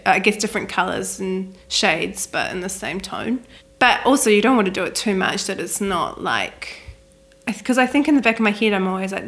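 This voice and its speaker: Young New Zealand woman with gravelly voice. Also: mid-range voice, a bit bright. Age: young adult. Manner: chatty, many "like" fillers, laughs easily. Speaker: wedding photographer, guest. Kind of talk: casual interview chat. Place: flat at home.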